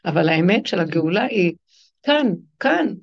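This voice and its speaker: A woman's voice: big pitch swings, gravelly. A woman religious teacher giving a spiritual lecture to her class. She retells stories emphatically, acting out the people in them. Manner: emphatic, acts out the people in her stories with sudden high swings. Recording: dull lo-fi recording.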